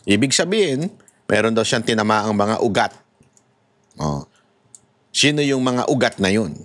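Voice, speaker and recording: A man's voice: on the low side, big pitch swings, measured pace, dry recording. A man hosting casual political commentary, laughing often and mocking as he talks. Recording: loud background noise.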